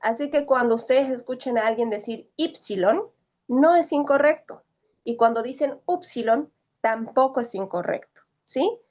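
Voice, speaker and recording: A woman with a high, light voice teaches an online class. She explains patiently and keeps turning to her students with questions, checking that they follow. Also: a little mellow. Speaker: Greek teacher.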